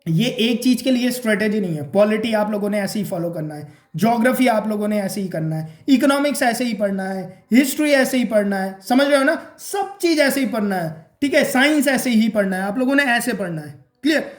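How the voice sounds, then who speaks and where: A man giving a casual exam-prep lesson, repeating his points and checking in with "okay?" and "clear?". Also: sits high, lively intonation, brisk, hardly any pauses, reverberant. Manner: repeats points, addresses viewers as guys and friends.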